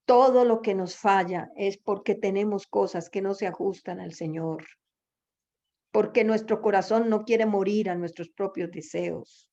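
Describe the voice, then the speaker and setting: A woman's voice: mid-range voice, measured pace, warm tone. A woman preaching a sermon, exhorting her listeners with rhetorical questions and repeated phrases. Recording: dull lo-fi recording.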